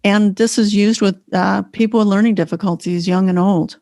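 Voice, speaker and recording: Co-hosting a podcast as a Feldenkrais teacher, a woman explains things in an earnest, conversational way that feels like casual conversation. Her mid-range voice is steady and dark, at a normal speed, with clean studio sound and no room noise.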